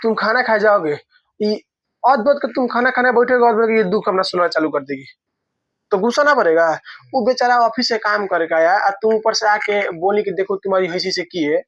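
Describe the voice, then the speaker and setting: A man's voice: high voice, a little fast, fairly bright tone, no echo, dull audio. A male teacher retells a story to his class and explains it, asking questions and repeating himself, using dialect words.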